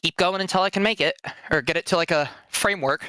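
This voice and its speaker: Man, tabletop player, bright tense voice, casual joking, laughs a lot. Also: on the high side, no echo. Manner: laughing, joking, quick to interrupt. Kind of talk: casual chat.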